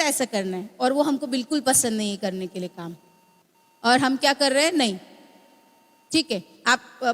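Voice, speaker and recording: High-voiced woman preaching in a church hall. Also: fairly bright tone. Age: young adult to middle-aged, mother of a small child. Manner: teaching, asks the congregation "है ना?" often. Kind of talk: sermon. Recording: long reverb of a church hall.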